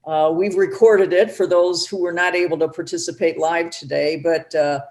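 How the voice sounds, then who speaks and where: A woman's voice: fairly low pitch, fairly even intonation, normal speed, darkish tone. A woman moderating a panel on a video call, gracious and thankful as she wraps it up.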